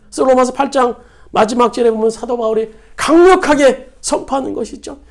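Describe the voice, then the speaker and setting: A woman's voice: high-pitched, brisk. A woman pastor preaching a sermon, repeating phrases for emphasis and putting rhetorical questions to her congregation.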